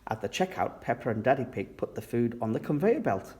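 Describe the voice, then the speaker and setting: In an expressive storytelling style, a man reads a children's picture book aloud. His voice sits in the mid range and moves at a brisk pace.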